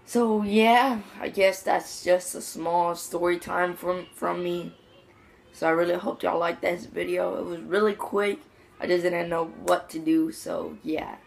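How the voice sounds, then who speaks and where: A man's voice: high voice, level tone, unhurried, vocal fry. A teenage boy vlogging casually into his phone, telling a story in rambling slang full of "like". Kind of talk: casual story time vlog. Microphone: phone mic.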